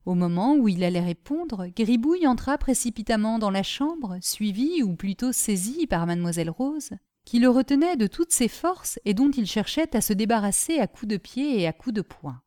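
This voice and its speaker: A woman narrating a storybook with a fairly high, very lively voice. Her reading is expressive and dramatic, with wide swings in pitch. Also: normal speed, no echo, studio quality. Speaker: reader.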